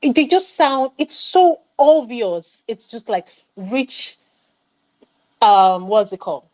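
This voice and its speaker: A woman's voice: fairly high pitch, expressive, slow pace, a little mellow, rough recording. A woman on a film club panel, ranting animatedly about a movie with rhetorical questions. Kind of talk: casual film critique chat.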